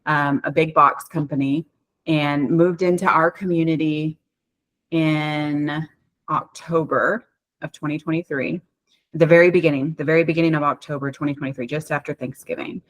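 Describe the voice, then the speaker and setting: Woman, low voice, emotional storytelling, casual interview talk. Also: steady tone, moderate pace. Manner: emotional, warm storytelling with frequent fillers and restarts.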